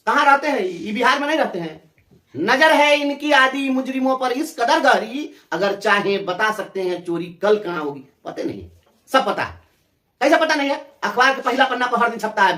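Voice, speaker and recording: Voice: mid-range voice, fairly bright tone, roomy sound. A teachers' representative from Bihar with a Bihari Hindi accent, giving a fiery, sarcastic interview answer and repeating phrases for emphasis.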